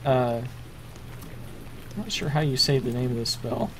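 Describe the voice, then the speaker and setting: A man running a tabletop role-playing game as game master, narrating the action in a halting way with many fillers and restarts. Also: medium pitch, slight background noise.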